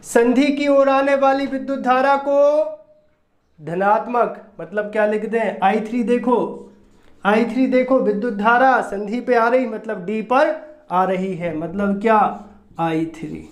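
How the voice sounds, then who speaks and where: A physics teacher talks slowly through a lecture, going over every step twice and tossing out little check questions. The room around the voice is roomy and echoing. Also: mid-range voice. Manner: repeats each step and asks rhetorical check questions. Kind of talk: recorded classroom-style lecture. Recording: roomy echo.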